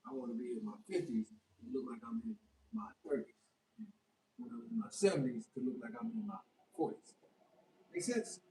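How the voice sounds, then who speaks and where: A man's voice: high-pitched, big pitch swings, a little fast, creaky, recorded from a distance, background noise. A young adult man on a casual fitness livestream, reading viewer comments and answering them in a loose, chatty way.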